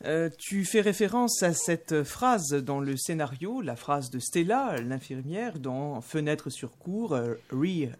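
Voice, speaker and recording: A woman speaking as a guest on a radio show, lecturing on film in a measured way with many hesitations. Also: low-pitched, sing-song, darkish tone. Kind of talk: talk radio film discussion.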